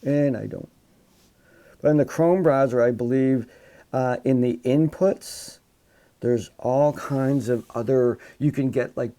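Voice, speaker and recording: A male psychology instructor lecturing live over his computer mic. His voice is mellow and dark, with a gravelly edge, and he rambles casually, doubling back on his words as he explains. The delivery is loose and conversational. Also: mid-range voice. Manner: casual, rambling with restarts, demonstrates sounds with his voice. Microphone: computer microphone.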